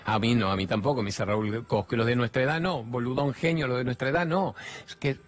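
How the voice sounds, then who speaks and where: A man over fifty with an Argentine accent, giving a colloquial, animated spiritual talk to an audience and slipping into voices for quoted speech. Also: mid-range voice, fast talker, soft background music. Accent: Argentine Spanish. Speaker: spiritual speaker.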